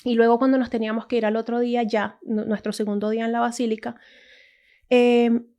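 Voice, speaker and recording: Telling her personal testimony with plenty of restarts, asides and "o sea", a woman from Latin America speaks casually and with emotion. Her voice is a little high and dark, delivered flatly at a brisk pace.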